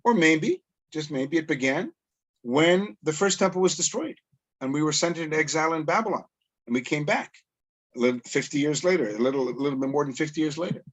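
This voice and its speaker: This Canadian man, middle-aged and working as a tour guide and educator, lectures chattily on a video call with a higher-pitched voice and lively intonation, going a little fast. He asks rhetorical questions and is self-deprecating. The recording is rough.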